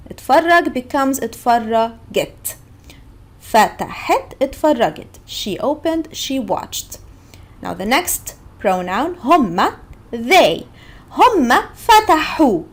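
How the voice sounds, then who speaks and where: A woman teaching a language lesson, explaining step by step and repeating her examples. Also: sits high. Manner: instructional, repeats and spells out examples.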